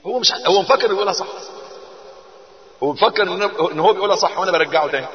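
A man with an Egyptian Arabic accent preaching a sermon, swinging between loud emphasis and soft, gentle tones. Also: high voice, racing. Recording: muffled, with long hall reverb.

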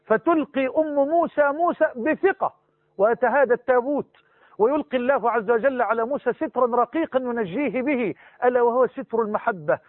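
A man's voice: extremely high pitch, brisk, no room sound. A male preacher delivering a rhetorical sermon, quoting and chanting scripture. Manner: rhetorical, chanting Quranic verses and reciting rhymed verse softly. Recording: tinny phone-like radio broadcast.

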